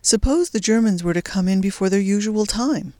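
A frightened young woman, played by a reader, whose words come low and hesitant, with a touch of lift in the pitch. The sound is close and dry, like a storybook reading. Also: a little fast, dark tone, dry recording, lightly acted. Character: young Belgian woman, anxious and fearful. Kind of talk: audiobook character voice.

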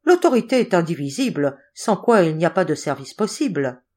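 A woman's voice: mid-range voice, sing-song, normal speed, darkish tone, pitched above the performer's own voice. A woman reading the part of a pompous, authoritarian male deputy office chief who lectures his colleagues. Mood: exasperated. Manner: indignant, lecturing.

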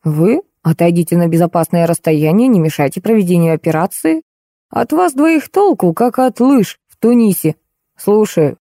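A woman's voice: on the low side, expressive, normal speed, mellow, no room sound, clean studio sound. A woman reading the lines of a pompous, bossy middle-aged police colonel in an audiobook. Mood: commanding. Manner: pompous commanding.

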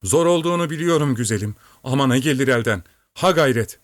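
Guy reading a gentle old servant, soft coaxing voice, dry close sound, storybook reading. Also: mid-range voice, lively intonation, fast talker, dry recording, voice pushed up, lightly acted. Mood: urging. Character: patient hardy old male servant coaxing a horse. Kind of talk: audiobook character voice.

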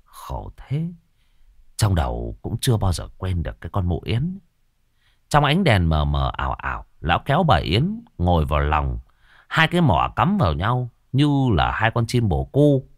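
A man narrates a bawdy comic village tale in an earthy, animated way. His voice is fairly low but swings widely in pitch, and it is recorded close and dry. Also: normal speed, dry recording. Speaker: storyteller. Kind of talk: comic folk storytelling.

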